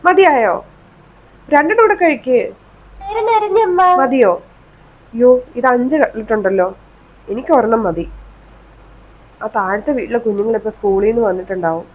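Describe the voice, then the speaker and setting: A generous, fussing neighbor chatters as she offers food, as a woman puts her on. Her voice rises high and lively. It is a comedy-sketch character. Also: moderate pace, long pauses, dull audio, lightly acted. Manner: warm-hearted, fussing, chatty.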